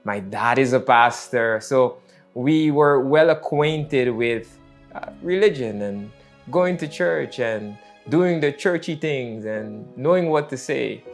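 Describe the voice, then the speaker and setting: A man, telling his personal faith story in a reflective, halting way with many fillers. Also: medium pitch, expressive. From Netherlands. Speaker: missionary. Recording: faint music underneath.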